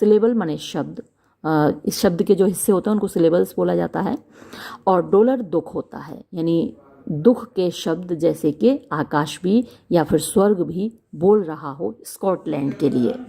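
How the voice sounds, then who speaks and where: A woman teacher explaining a play line by line, reading each English phrase slowly and then glossing the words one by one. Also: on the low side, gravelly, dark tone, husky. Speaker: literature teacher.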